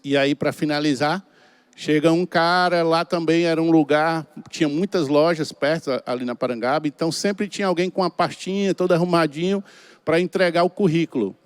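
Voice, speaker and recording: A middle-aged man with a Cearense accent preaches a sermon through colloquial stories. He acts out the voices of the people in them. His voice is a little high, and the recording is dry and close. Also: fairly even intonation, fairly quick, smooth, dry recording. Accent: Cearense Portuguese. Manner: chatty, colloquial, acts out quotes. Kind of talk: storytelling sermon.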